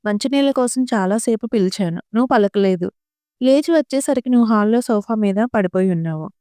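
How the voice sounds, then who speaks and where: A woman's voice: medium pitch, mellow, clean tone, no room sound, studio quality, lightly acted. A woman voicing an older husband who pleads for forgiveness in a storybook reading, speaking in an apologetic way.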